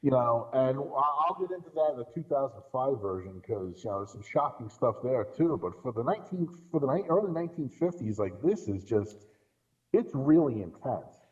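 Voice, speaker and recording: The highs are cut off as a middle-aged man with a mid-range voice discusses films casually as a podcast guest co-commentator. His intonation is lively and his pace moderate, and he's emphatic, blunt and quick to swear.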